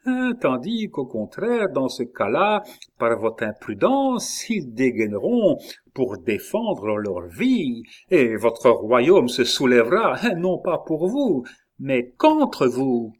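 A crafty, scornful old queen mother, voiced by a man reading aloud speaks cuttingly. When alarmed, her voice leaps up sharp and high. The reading moves slowly and deliberately, like a dramatized audiobook. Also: very animated. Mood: scolding.

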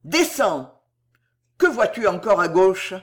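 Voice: mid-range voice, big pitch swings, slow. A narrator doing a stern army officer. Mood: commanding. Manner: loud, imperious orders. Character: commanding army officer, stern then grieving. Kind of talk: storybook reading.

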